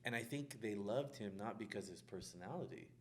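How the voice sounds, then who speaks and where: A man's voice: on the low side, animated, brisk, a little hiss or hum. A man who is a contractor, co-hosting a podcast in casual chat, talking in a loose, rambling way. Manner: loose, rambling, full of "like" fillers.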